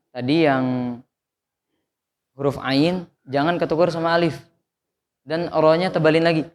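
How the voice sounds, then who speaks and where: A man teaching Quran recitation in a mosque, correcting students with jokes and demonstrating each verse slowly. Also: on the high side. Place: mosque hall. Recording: long hall reverb.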